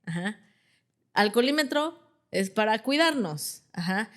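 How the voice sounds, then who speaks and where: A woman, a clinical psychologist explaining calmly with everyday examples and checking in with "ajá". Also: mid-range voice, measured pace. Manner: acts out quoted parents in a different voice. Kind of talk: conversational explanation.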